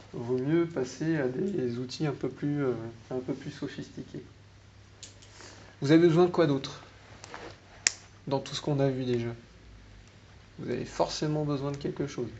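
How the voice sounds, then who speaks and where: A man with a French accent leads a live meetup talk in a meeting room, explaining step by step and often turning to the audience with questions. His voice sits at an ordinary middle pitch. The recording is slightly dull, with a faint hiss behind him. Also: a little slow, pauses often, a little mellow. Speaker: meetup speaker.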